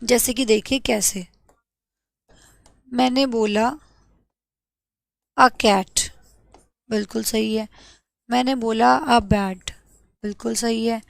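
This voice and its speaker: A young woman gives an English grammar lesson to students preparing for an exam, posing questions and answering them herself while slowly spelling out letters. Her voice sits on the high side with a creaky quality, and there's no room sound.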